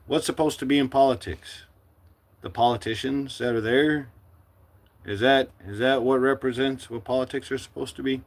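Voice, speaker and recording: A middle-aged man from the United States speaking to his livestream viewers in a forceful, defiant, preachy monologue. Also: mid-range voice, fairly even intonation, moderate pace. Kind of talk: impassioned live-stream monologue.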